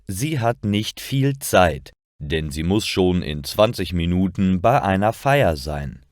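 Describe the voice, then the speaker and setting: A man narrates short stories for language learners with slow, carefully paced sentences. His low voice rises and falls with plenty of expression. The recording is dry and close, with no room sound. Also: dry recording. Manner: slow, clear, expressive reading.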